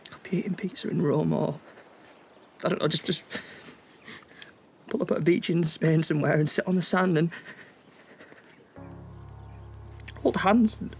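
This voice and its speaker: An actor playing a young husband, speaking softly and hopefully to his dying wife in a television soap drama. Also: a little high, moderate pace, vocal fry, long pauses, a little hiss or hum. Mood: tender. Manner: soft, hopeful, then begging.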